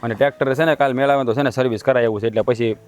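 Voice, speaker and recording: An actor playing a blunt young village farmer, the son of the house, speaking in a brisk, complaining way. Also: male voice, medium pitch, fairly even intonation, darkish tone, lightly acted. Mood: matter-of-fact. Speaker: son in family drama. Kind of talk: Gujarati village drama dialogue.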